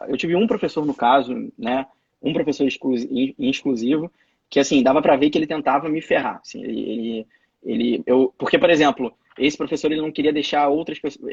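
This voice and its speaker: A young Brazilian man in his twenties tells stories as a guest in a casual interview over a live video call, often restarting and repeating words. His voice is medium-pitched and darkish with a breathy edge. A phone or laptop mic on a live stream gives lo-fi sound with no echo.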